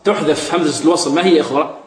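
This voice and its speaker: A man's voice: fairly high pitch, very fast, slight background noise. Man teaching recitation in an echoey hall. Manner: poses questions to students and answers them, models and repeats pronunciations. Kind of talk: recitation lesson. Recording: echoey hall with long reverb.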